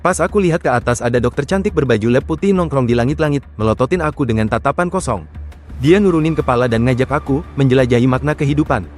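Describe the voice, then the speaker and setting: Fast-talking man narrating a story recap. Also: mid-range voice, a little mellow, soft background music. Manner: casual slangy storytelling.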